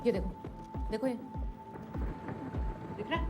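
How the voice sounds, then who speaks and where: A woman's voice: a little high, lively intonation, a little slow, over loud music. An actress playing a woman from the future, urgently pleading and explaining in a film drama. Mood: gently explaining. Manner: urgent, pleading, repeats his name. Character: earnest young woman pleading with a boy. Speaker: hospital worker from the future. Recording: roomy echo, loud film score.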